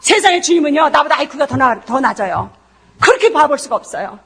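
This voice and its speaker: A woman missionary preaching a fervent testimony sermon, blunt and earthy, often shouting and laughing as she asks the crowd rhetorical questions. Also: high-pitched, sing-song, quick pace. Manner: impassioned, often shouting and laughing mid-sentence; blunt, earthy, uses crude slang.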